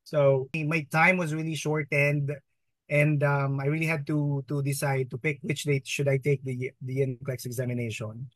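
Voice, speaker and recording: A man's voice: on the high side, little pitch movement, normal speed, dry recording, rough recording. A Filipino-accented man in his thirties telling a personal story conversationally as an interview guest, slipping Tagalog words into his English. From Philippines. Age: 30s. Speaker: interview guest, emergency room nurse.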